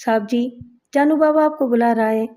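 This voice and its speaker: A woman's voice: a little high, warm tone, natural voice. A woman voicing a humble, deferential village woman in an audiobook reading.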